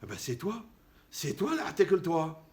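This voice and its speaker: Animated male rabbi preaching. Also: fairly high pitch, normal speed. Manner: lively, conversational, acts out quoted people. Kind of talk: animated sermon.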